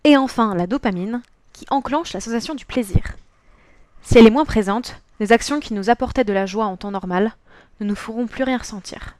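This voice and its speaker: A teenage French girl, acting as a student presenter, reads a prepared school presentation carefully and evenly. Her voice is on the high side with a darkish tone, a little fast, and there's no room sound.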